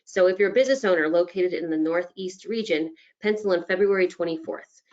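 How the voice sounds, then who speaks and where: A woman with a fairly low voice delivers brisk program updates in a webinar presentation. She keeps things moving but trails into ums and self-corrections along the way. The call audio sounds dull and lo-fi. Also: darkish tone. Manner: brisk, informative, with frequent ums and restarts. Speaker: state agency presenter. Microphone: video call.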